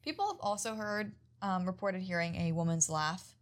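A woman with a somewhat low voice leads a casual chat, recounting what she has read. She talks in a relaxed, easygoing way and laughs easily. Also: normal speed. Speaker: podcast co-host presenting the research. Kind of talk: casual conversational storytelling.

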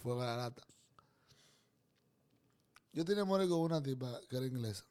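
A man's voice: mid-range voice, animated, brisk. A man from the Dominican Republic with a Dominican Spanish accent, hosting a chat show and joking crudely with a guest. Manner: joking, teasing, bursts of loud laughter. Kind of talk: crude comic banter.

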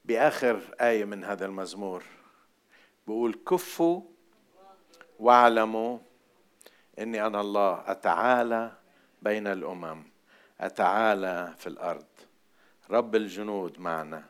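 Dynamic Jordanian preacher, deep voice. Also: male voice, moderate pace, pauses often, clean tone. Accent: Jordanian Arabic. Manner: dynamic preaching, swings from hushed asides to loud emphatic declarations. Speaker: pastor. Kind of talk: sermon.

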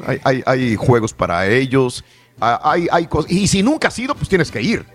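A man's voice: medium pitch, moderate pace, faint music behind. A man in his forties, from the Mexico–Texas border region, hosting a radio show in casual chat, reading listener messages aloud. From northern Tamaulipas and South Texas. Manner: lively, chatty, reads listener messages aloud.

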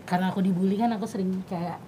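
A young woman chatting casually as a podcast guest, telling her stories in an animated way. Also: mid-range voice, very fast, slight background noise. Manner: animated storytelling with laughs.

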